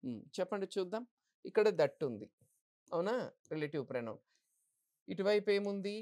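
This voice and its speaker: A woman with a low, slightly mellow voice and lively intonation teaches English grammar for exams. She fields her own questions to the class and reads the example sentences slowly and deliberately.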